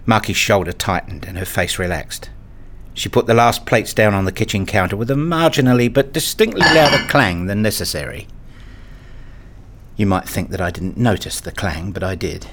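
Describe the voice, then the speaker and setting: Voicing a married father recounting his own story for a radio play, a man delivers scripted narration in a fairly low voice close to his everyday one. He sounds measured, reflective, wistful, and resigned, a little fussy, with background noise present.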